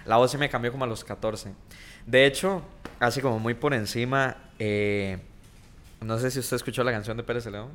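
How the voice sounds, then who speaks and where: A man's voice: mid-range voice, fairly even intonation, brisk, a bit bright. A Costa Rican man in his twenties, a guest chatting casually on a podcast in a joking, slangy way. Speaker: guest, content creator.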